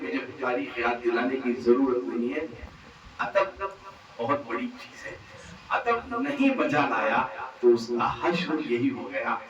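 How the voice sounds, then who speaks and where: A man preaching at a religious gathering, impassioned and pleading, with repeated phrases and rhetorical questions. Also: a little high. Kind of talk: Urdu religious speech at a gathering. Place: large hall at a religious gathering. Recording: echoey PA sound from far off with crowd.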